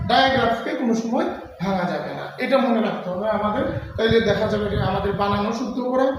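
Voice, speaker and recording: A man explaining a lesson as a teacher, halting often with filler sounds and restarting his phrases. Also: sits high, slight background noise. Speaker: English teacher. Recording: far-off echoey room with faint ambience.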